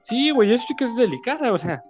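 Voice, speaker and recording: A man in his twenties from Mexico with a Mexican accent, chatting casually with crude slang and animated storytelling. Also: very high voice, fast, music in the background. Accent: Mexican Spanish. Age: 20s. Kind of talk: casual chat.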